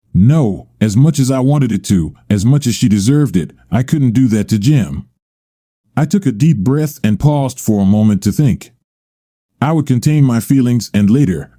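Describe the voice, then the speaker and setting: A man narrating a first-person story and reading every character's lines in much the same even voice. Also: medium pitch, dry recording, clean studio sound.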